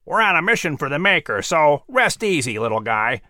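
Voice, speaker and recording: A man doing a bright, friendly bald eagle. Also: fairly high pitch, very animated, a little fast, no room sound, studio quality, full character voice. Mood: reassuring. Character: kindly, steady male bald eagle.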